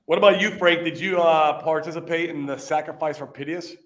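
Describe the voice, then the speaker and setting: A man co-hosting a casual chat, easygoing and quick to laugh. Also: on the high side, fairly even intonation.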